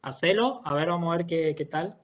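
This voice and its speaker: Patient teacher, step by step. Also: male voice, fairly high pitch, a little fast. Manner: patient, explains step by step, checks in often with "¿sí?". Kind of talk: online class walkthrough.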